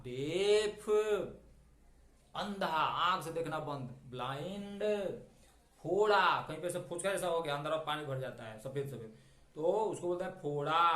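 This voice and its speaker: Man, middle-aged, high voice, chatty teacher, echoey room. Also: fairly bright tone. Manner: chatty, digressive, repeats key words slowly. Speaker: English teacher. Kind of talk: spoken vocabulary lesson.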